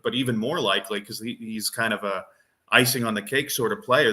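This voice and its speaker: A man's voice: on the low side, pushed and bright. A man co-hosting a fantasy football podcast, explaining his reasoning in casual chat and thinking aloud with frequent restarts and fillers.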